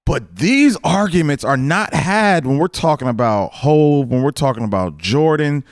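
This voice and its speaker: Animated young man with a New York accent. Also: on the high side, normal speed, dry recording, studio quality. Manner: animated, emphatic, interrupts himself. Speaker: podcast co-host. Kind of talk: casual debate.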